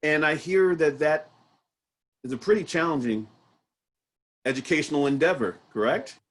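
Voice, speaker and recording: A man's voice: fairly high pitch, normal speed. A man hosting an interview show, asking his guest questions and checking facts with him. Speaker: show host. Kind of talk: casual interview.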